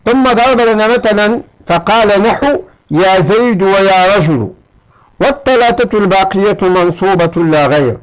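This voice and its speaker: A man with a high-pitched voice teaches a grammar lesson in a patient, classroom manner. He repeats each example and checks on his students with a quick questioning "ha?". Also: rough recording.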